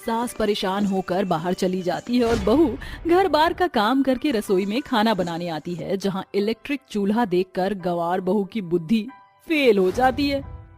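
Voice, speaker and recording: A woman narrating a cartoon story in a steady, storytelling manner. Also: mid-range voice, a little slow, faint music behind.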